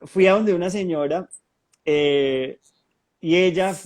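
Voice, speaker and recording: A man giving a talk at a spiritist centre, telling his experiences as a hypnotherapist in a lively, storytelling way with frequent restarts. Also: high-pitched, takes it slowly. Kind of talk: testimonial talk to an audience.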